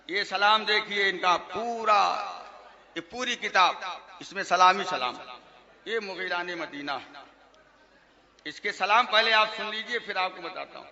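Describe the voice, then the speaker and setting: A man preaching to a gathering, mocking verses he reads out in a sing-song lilt and scolding the crowd to stay quiet. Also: high-pitched, pauses often, big-room sound, muffled recording. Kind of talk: sermon to a live gathering.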